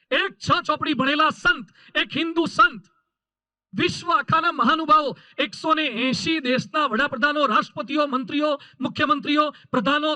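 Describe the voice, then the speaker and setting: Male preacher, very high sharp voice, emphatic sermon full of stories, dry close sound. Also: no echo, poor audio. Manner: emphatic, repetitive lists, voices characters in stories. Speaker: swami preacher. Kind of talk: sermon with anecdotes.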